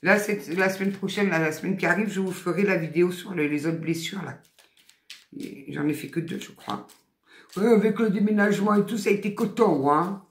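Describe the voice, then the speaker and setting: A woman in her fifties with a Southern French accent gives a casual spiritual card reading. She chats and exclaims, then reads each card's text slowly aloud. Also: lowish voice. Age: 50s. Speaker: oracle card reader. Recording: echoey room.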